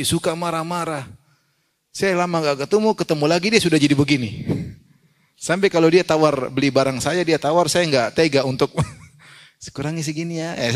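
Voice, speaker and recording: A man preaching an Islamic sermon, reciting hadith in Arabic and asking his listeners questions he then answers himself, sometimes acting out the people he quotes. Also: medium pitch. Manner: asks the audience questions and answers them himself; acts out quoted people in a raised voice. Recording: long hall reverb.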